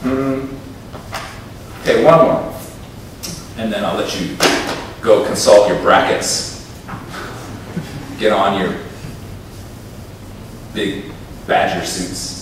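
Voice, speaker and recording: Poet reading aloud in an echoey hall. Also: male voice, lowish voice. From Minnesota, USA. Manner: measured reading with wry, offhand asides. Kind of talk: live poetry reading. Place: university reading room before an audience. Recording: echoey room, distant mic, background noise.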